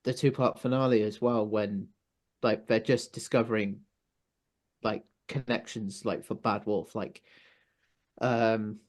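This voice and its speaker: A man with a North Welsh accent, a podcast guest chatting casually, hesitant with many pauses and restarts. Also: fairly low pitch, fairly even intonation, darkish tone. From North Wales. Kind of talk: casual chat.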